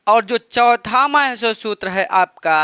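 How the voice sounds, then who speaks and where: Slow, bright-voiced teacher. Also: male voice, very high voice, clean tone, no room sound, studio quality. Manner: slow, repeats each item and quizzes students. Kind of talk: exam-prep lecture.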